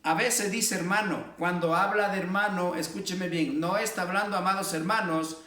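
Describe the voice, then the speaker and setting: A man preaches a sermon with a high, bright voice that rises and falls in fervent emphasis. He speaks from some way off the mic. The sound rings around an echoey room. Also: fairly even intonation, normal speed, recorded from a distance. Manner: preaching with fervent emphasis and repeated "amados hermanos". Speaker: pastor.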